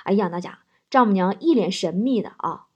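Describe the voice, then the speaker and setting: A woman telling comic anecdotes in a lively, punchline-driven way. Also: medium pitch, brisk, slightly rough, highs cut off. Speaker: comic storyteller.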